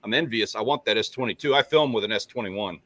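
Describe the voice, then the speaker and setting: A man's voice: lowish voice, fast talker, fairly bright tone, no echo. A man co-hosting a casual fishing livestream, rambling and self-deprecating as he greets viewers by name. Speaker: livestream co-host. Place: home on Padre Island.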